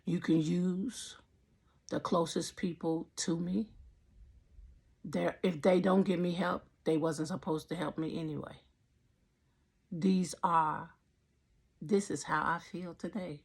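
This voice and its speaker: A woman's voice: on the low side, steady tone, slow, creaky, pauses often, a little mellow, husky. A woman in her fifties giving an impassioned personal faith testimony, repeating her phrases in a preacherly way. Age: 50s. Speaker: vlogger.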